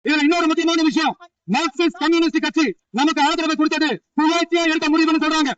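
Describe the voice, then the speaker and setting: Man making a political speech, repeats lines for effect, very high voice, dull lo-fi sound from far off. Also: level tone, quick pace, a bit bright, no echo. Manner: repeating phrases for emphasis. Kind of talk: public speech. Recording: dull, dry, distant clip.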